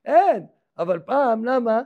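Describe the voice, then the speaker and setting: A man, a rabbi, tells a story in a sermon, constantly asking rhetorical questions and acting out the characters' lines. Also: extremely high pitch. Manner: acts out the characters' dialogue in lively voices. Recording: dull lo-fi recording.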